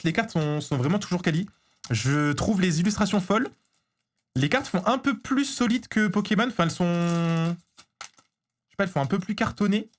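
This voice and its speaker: Streaming live while he opens trading cards, a man chats casually, gets excited, and answers his chat. His voice sits high.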